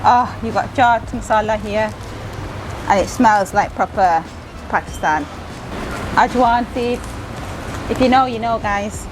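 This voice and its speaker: A woman's voice: a little high, unhurried, long pauses. A woman presenting a casual travel and food vlog, talking chattily and directly to her viewers. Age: adult, a mother. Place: on location in busy streets and shops. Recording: music behind, outdoor street sounds. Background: music, traffic and urban sounds.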